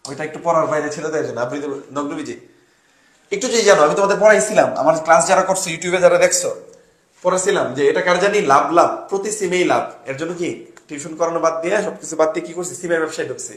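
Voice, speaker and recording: A man's voice: on the high side, very fast, a bit bright, roomy sound. A young man from Bangladesh tutoring a live online class, quizzing students and making joking mnemonics. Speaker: admission test tutor.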